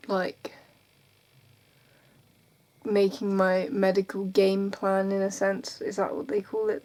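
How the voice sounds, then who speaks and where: A tired, burnt-out woman talking casually and confessionally in an emotionally drained, halting way, often trailing off mid-thought. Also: mid-range voice, a little mellow. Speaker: vlogger. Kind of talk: casual confessional talk to camera.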